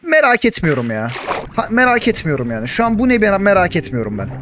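A young man narrating and reacting to his Minecraft survival game, joking and yelling in panic when chased. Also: high voice, wildly swooping pitch, fast talker, noisy background. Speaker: gaming YouTuber. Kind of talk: Minecraft let's play with story narration.

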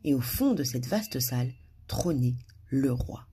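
A woman's voice: rumbling low, expressive, measured pace, mellow. A woman reading a children's story aloud expressively, with small slips and restarts.

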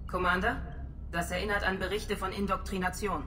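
A woman voicing a calm female starship AI, heard over a ship's comm channel with cool, measured reports. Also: soft background music. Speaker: ship's AI in a video game. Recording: noisy game capture with rumble.

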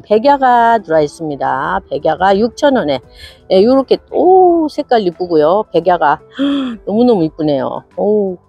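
A woman's voice: fairly low pitch, dark tone, breathy edge. A cheerful woman from South Korea showing her succulents for sale, gasping and exclaiming at each plant. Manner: bubbly and cheerful, frequent gasps and exclamations. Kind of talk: casual product showcase. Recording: dull lo-fi sound with faint music.

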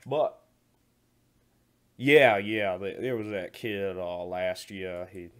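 A man's voice: sits low, slow pace. A man playing a callous 40-year-old male night security guard who stammers, repeats himself and rambles in slangy talk during a comedy phone-call monologue. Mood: rambling. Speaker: comedy skit performer.

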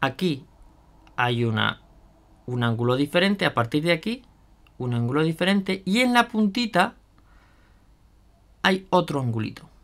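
A man's voice: on the high side, very animated, a little slow, pauses often, fairly bright tone. A man chatting casually through a hands-on product demo, thinking aloud with fillers and asides to viewers. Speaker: miniature painting youtuber.

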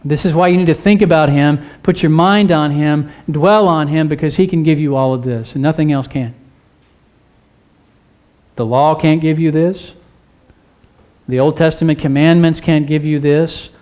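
A man's voice: a little high, fairly even intonation, moderate pace, a little mellow. A male pastor preaching a sermon in a church, urging listeners with repeated phrases and questions to the congregation. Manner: earnest, repetitive exhortation with rhetorical questions.

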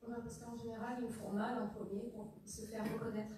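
A woman's voice: on the high side, little pitch movement, brisk, mellow. A woman in the audience putting short, hesitant questions to a medium at a live session. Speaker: audience member asking a question. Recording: echoey hall with a crowd.

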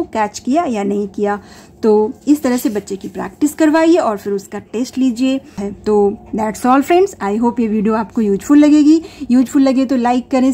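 A woman giving a phonics lesson for parents, mixing Hindi and English and drawing out each example word slowly. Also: a little high, mellow. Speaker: teacher for parents.

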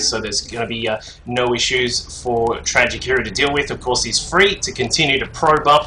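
Bright-voiced casual male game caster. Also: mid-range voice, a little hiss or hum, rough recording. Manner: casual, rambling, many fillers. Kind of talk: solo esports commentary. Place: home computer setup.

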